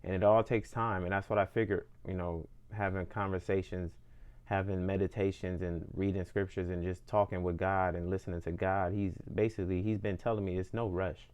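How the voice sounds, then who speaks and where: An independent musician in his twenties speaks earnestly about his music and goals in a reflective personal monologue, often repeating and restarting phrases as he thinks aloud. His voice sits low, smooth and darkish, with level intonation and a fairly quick pace.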